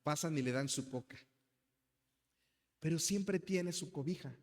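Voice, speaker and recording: Man, Mexican accent, pastor, emphatic sermon, high voice, long hall reverb. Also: a little slow, darkish tone. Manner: emphatic preaching, addresses the congregation as brothers.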